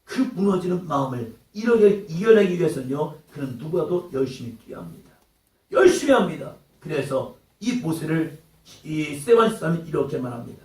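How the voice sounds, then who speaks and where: A man preaching with a high, wide-ranging voice that leaps up and drops to a hush. His delivery is dramatic and theatrical, and he voices quoted lines in character. The recording is roomy and picked up from a distance in a church hall. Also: sing-song, brisk. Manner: dramatic, swinging between loud outbursts and hushed lines; acts out taunting quotes in character. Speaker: pastor. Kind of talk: sermon. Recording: echoey hall, mic at a distance.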